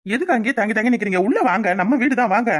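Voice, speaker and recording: A woman's voice: fairly high pitch, expressive, racing. A woman voicing a sheepish young village man in a cartoon, speaking with a Kanyakumari Tamil accent and coaxing, pleading calls. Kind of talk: cartoon voice acting.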